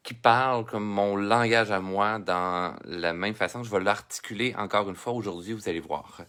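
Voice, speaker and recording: A man's voice: fairly low pitch, bright, forceful tone. Chatty Québécois man teaching drawing live. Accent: Québécois French. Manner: chatty, greets viewers, laughs often. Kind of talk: live-stream art lesson.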